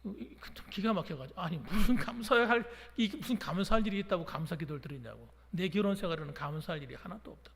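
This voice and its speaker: Animated Korean pastor in a church hall. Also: male voice, a little high, fast talker, vocal fry, few pauses. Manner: animated, acts out dialogue in story. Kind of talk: sermon with storytelling. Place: church sanctuary.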